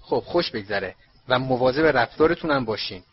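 A man's voice: mid-range voice, lively intonation, a little hiss or hum, lightly acted. A man voicing a strict middle-aged mother who scolds her sons in a storybook reading. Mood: scolding. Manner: scolding, loud. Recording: dull lo-fi recording.

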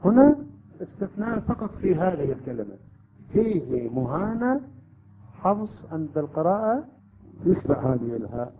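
A man's voice: fairly high pitch, sing-song, a little fast, mellow, slight background noise. Man teaching, quizzing his class. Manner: explains step by step, quizzing students often. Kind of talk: classroom lesson on Quran recitation rules. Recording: dull lo-fi recording.

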